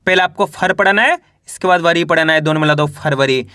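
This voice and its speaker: Male reading teacher, high bright voice, slow syllable-by-syllable delivery, close dry mic. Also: no echo. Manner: spells each syllable slowly, then says the whole word; addresses viewers as friends.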